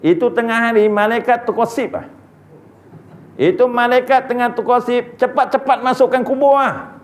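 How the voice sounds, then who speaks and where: A man's voice: very high-pitched, fairly even intonation, moderate pace, voice pushed up. A man voicing a cheeky teenage schoolboy friend who talks in blunt, clipped, broken phrases. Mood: explaining. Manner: blunt, matter-of-fact, clipped pidgin phrasing.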